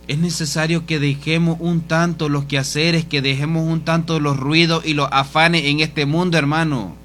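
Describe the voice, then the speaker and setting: A man preaching a sermon in a fervent, pleading way, his voice dropping soft each time he addresses the congregation. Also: a little high, level tone, normal speed, a little hiss or hum.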